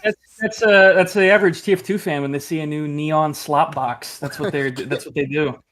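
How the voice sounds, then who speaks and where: Higher-voiced man bantering on stream. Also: steady tone, normal speed, a bit bright, slight background noise. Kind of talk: casual joking stream chat.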